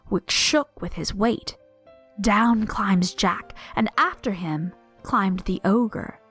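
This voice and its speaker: A woman narrating a fairy tale aloud with lively expression, dropping to a whisper at tense moments. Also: on the high side. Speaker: storyteller. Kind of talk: storybook read-aloud narration.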